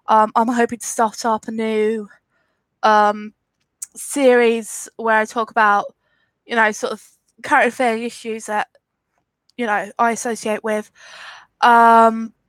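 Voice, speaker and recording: Reading out comments on a casual live stream, this Essex-accented woman in her twenties from England rambles cheerfully and gives trolls blunt, defiant replies while sniffling from a cold. Her voice is a little high. There's no room sound.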